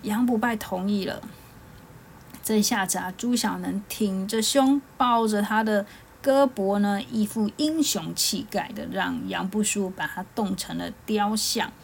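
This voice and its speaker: Lively woman telling a children's story. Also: medium pitch, gravelly, a little hiss or hum. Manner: lively, with many drawn-out particles. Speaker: podcast storyteller.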